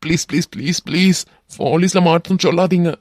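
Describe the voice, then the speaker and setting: Man doing a cowardly young crook, Kanyakumari Tamil accent, whimpering, pleading, a bit higher, cartoon. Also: fairly even intonation, moderate pace, warm tone, no echo, clean studio sound, natural voice. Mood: begging. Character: cowardly young male crook begging for mercy.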